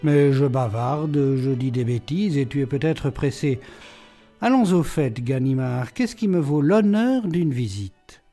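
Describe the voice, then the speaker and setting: A man reading an audiobook, voicing a witty, mocking, self-assured gentleman burglar held in a cell. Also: mid-range voice, lively intonation, measured pace, faint music behind. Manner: playful, ironic, self-assured.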